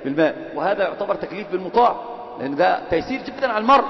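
A man's voice: high-pitched, expressive, rapid-fire. A man giving an Islamic lesson, moving between classical Arabic and colloquial speech as he quizzes and teases dozing students. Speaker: religious teacher. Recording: echoey lecture hall, dull lo-fi.

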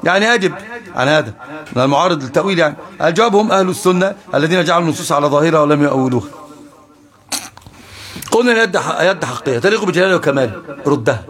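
Fast, mocking Egyptian preacher man. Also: a little high, a bit bright. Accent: Egyptian Arabic. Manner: mocking, combative, rhetorical questions. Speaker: Islamic preacher. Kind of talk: heated religious lecture.

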